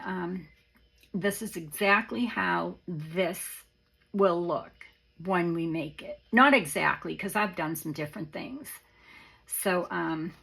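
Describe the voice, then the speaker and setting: Raspy, creaky woman crafter, voice giving out. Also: on the low side, fairly bright tone. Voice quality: raspy, worn voice. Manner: halting, rambling, informal. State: voice starting to go after illness. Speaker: craft video presenter. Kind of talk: casual show-and-tell of a handmade journal.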